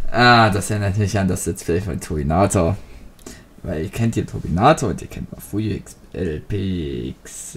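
A man hosts a Let's Play and rambles through jokey commentary as he plays. His voice sits low and gravelly. He talks slowly, with a lot of swing in his pitch. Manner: rambling, jokey free association. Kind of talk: joking gameplay commentary.

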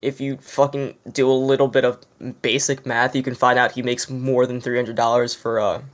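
A man talking on a casual group podcast at an ordinary pitch. He swears constantly and rambles through long explanations, recorded on a home computer mic. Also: little pitch movement, moderate pace. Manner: profane, rambling, explains drama at length. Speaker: podcast co-host.

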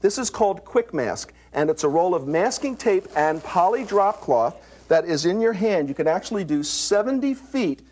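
An American man in his forties giving an emphatic, persuasive home shopping host pitch while demonstrating products. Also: animated, normal speed, few pauses, a little mellow. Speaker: infomercial pitchman. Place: TV studio demonstration set. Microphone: lapel mic.

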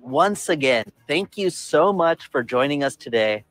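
A man's voice: a little high, expressive, a bit bright, dry recording, faint music behind. Man giving a polished tech keynote. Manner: upbeat, measured corporate delivery. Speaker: tech company presenter. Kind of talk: scripted keynote presentation. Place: outdoor rooftop in a city.

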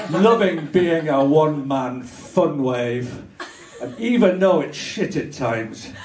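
An older man with a Hull accent delivers spoken word poetry at a slow, deliberate pace, wry and pointed with flashes of anger. He speaks into a stage mic, heard from across a small venue, and the room's echo rings around his voice. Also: medium pitch, a little mellow, far from the mic. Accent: Hull, Yorkshire. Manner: measured, wry, with bursts of anger. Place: small dark performance venue. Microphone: stage mic on stand, filmed from far. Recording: roomy venue sound from afar.

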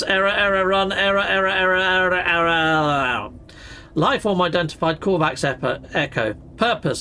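A man's voice: high voice, pushed and bright, a little hiss or hum. A man voicing a malfunctioning robot alien that stutters and chants error messages over and over. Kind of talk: reading in-game robot text aloud.

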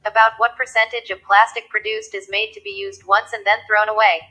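Female text-to-speech robot voice, crisp and bright, reads screen text aloud in an even, machine-like tone. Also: mid-range voice, a little fast, soft background music, rough recording. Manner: even, mechanical read-aloud delivery. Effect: synthetic text-to-speech voice. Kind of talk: computer reading text aloud.

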